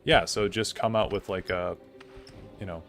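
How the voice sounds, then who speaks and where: A man's voice: low voice, steady tone, normal speed, fairly bright tone, soft background music. A young man streaming a game live, chatting casually and thinking aloud with lots of "like" fillers as he answers chat. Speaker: gaming streamer.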